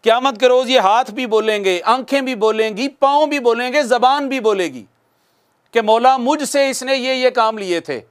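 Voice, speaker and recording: A man teaching a recitation class, patiently repeating sounds and asking questions that he answers himself. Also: extremely high pitch. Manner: patient, repeats sounds slowly for students to copy. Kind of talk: recitation lesson.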